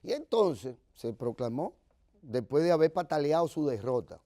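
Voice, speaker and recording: Dominican guy w caribbean spanish accent doing news commentary, real creaky voice, dry sound, chatty and emphatic. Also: on the high side, sing-song, moderate pace, warm tone, no echo. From Dominican Republic. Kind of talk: news commentary, partly reading aloud.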